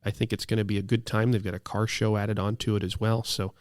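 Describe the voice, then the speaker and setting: A man's voice: fairly low pitch, flat delivery, quick pace, a little mellow, no room sound, studio quality. A man in his thirties, an air show announcer, telling stories enthusiastically in a casual interview. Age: 30s.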